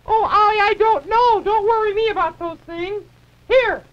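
A man voicing a gentle, sensible small male puppet on a 1950s live TV puppet show, patient and mildly exasperated. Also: extremely high pitch, expressive, brisk. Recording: dull early-1950s TV audio, faint hiss.

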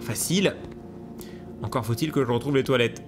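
A man commentating a video game to his viewers, excitable and laughing often, with hiccups. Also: mid-range voice, moderate pace, over music. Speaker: gaming YouTuber. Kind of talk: let's play commentary.

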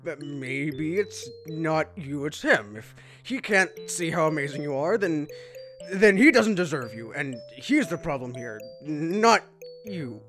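A woman playing a male monster king in a fan audio drama, bossy yet awkwardly tender, blustering and sometimes halting shyly. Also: low voice, expressive, over music. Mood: reassuring, awkward. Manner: blustering, halting when shy.

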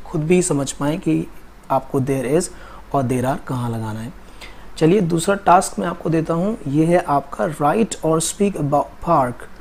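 A man with an Indian accent teaching spoken English, patiently explaining grammar and slowly drilling example sentences. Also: fairly high pitch, darkish tone, slight background noise. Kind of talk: Hindi-language English lesson.

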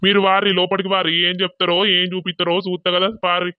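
A man voicing a middle-aged village father, loudly scolding and wailing in despair. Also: high voice, monotone, fast talker, clear, resonant tone, no room sound, phone-quality sound, natural voice. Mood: stern scolding.

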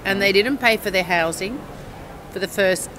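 Woman, 60s, Australian accent, bright and chatty, rambling storyteller. Lapel mic, outdoor square, faint traffic. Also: medium pitch, normal speed, low-quality recording. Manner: rambling, self-correcting, checks in with the listener. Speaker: university English teacher. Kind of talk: casual interview, long storytelling answers. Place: outdoor cafe table on a town square.

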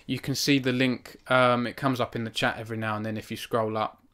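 A man in his thirties speaks in a clean, sharp, mid-range voice, level in tone and a little fast. An author, he reads from his novel on a live stream from a small home room, using a studio mic on a stand in front of him, before chatting earnestly with viewers. His chat is self-conscious and peppered with restarts and fillers.

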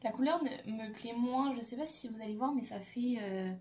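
A woman's voice: on the high side, moderate pace, heavy background noise. A young woman casually reviewing nail polish in a vlog, hesitant and full of fillers and repeats. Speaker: beauty vlogger.

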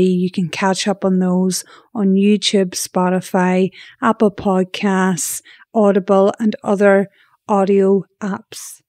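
A woman presents a podcast in a soft-edged, dark voice. Her delivery is very level and measured in pitch, like scripted narration. The sound is dry, with no room around it. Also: no room sound. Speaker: podcast host and interviewer.

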